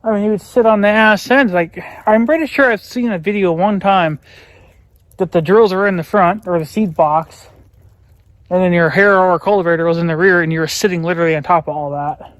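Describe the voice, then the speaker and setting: This is a folksy American man vlogging in rural woods, musing aloud casually and letting out a bit of mild swearing. His voice sits high and his pace is brisk. The recording is dry, with faint outdoor background noise.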